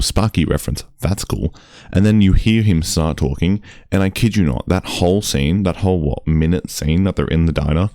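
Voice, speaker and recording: A man's voice: deep voice, darkish tone, dry recording, studio quality. A young man, ranting casually in a vlog, exasperated and swearing often. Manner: exasperated, swears often, mimics crowd voices. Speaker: YouTuber.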